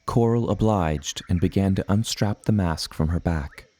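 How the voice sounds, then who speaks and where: This scripted storybook narration features an actor in the role of a sincere sea adventurer, telling his story in stately, archaic wording. The delivery is earnest, moderately paced, low-pitched and somewhat dark in tone.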